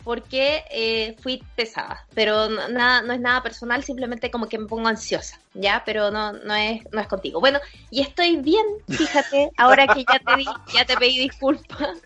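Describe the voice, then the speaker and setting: A woman's voice: a little high, fairly even intonation, normal speed, hardly any pauses, sharp tone, highs cut off, soft background music. A woman in her thirties with a Chilean accent, chatting casually as a podcast co-host and often interrupting herself. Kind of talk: casual chat.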